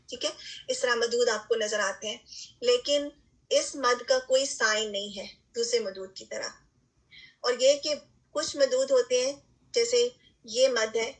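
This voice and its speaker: A woman's voice: on the high side, rough recording. Patient woman teaching a recitation lesson. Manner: patient explaining, frequent "theek hai" check-ins, English terms mixed in. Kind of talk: online lesson lecture.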